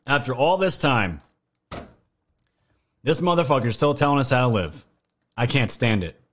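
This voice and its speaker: A man hosting a political livestream, ranting sarcastically and swearing, with a voice going hoarse. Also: mid-range voice, normal speed. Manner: sarcastic, swears, animated outbursts. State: losing his voice. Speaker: livestream host.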